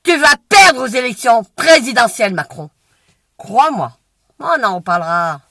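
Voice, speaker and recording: High, bright-voiced woman ranting hotly. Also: lively intonation, a little slow, dry recording. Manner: heated, emphatic, peppered with "hein?"; breaks into shouts. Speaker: vlogger. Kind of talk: angry political rant to camera.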